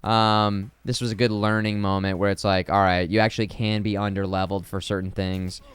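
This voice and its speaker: A man's voice: fairly low pitch, level tone, a little fast, clean tone. A man co-hosting a gaming podcast, rambling casually and laughing often. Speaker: podcast co-host. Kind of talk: casual chat.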